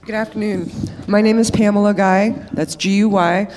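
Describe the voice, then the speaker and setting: A woman speaking up at a public hearing, her testimony nervous and halting. She is emotional and close to tears, restarting her sentences and apologizing as she goes. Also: mid-range voice, steady tone, darkish tone, slight background noise.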